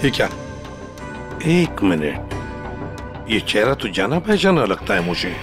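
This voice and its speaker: An actor playing a senior police officer who gives orders in a TV crime drama. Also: male voice, fairly low pitch, big pitch swings, measured pace, music in the background. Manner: commanding, giving orders.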